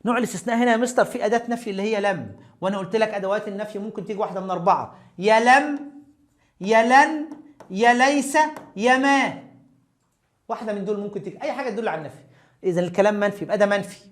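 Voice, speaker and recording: A woman with an Egyptian accent, teaching an Arabic grammar lesson in a lively, coaxing way and talking straight to her students. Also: mid-range voice, racing. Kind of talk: casual explanatory lesson.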